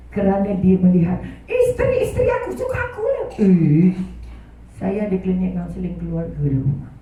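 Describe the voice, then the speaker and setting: A woman religious lecturer with a Malaysian Malay accent, preaching a dramatic sermon that swings between loud and hushed, prayerful passages. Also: medium pitch. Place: prayer hall. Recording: echoey hall from far off, faint noise.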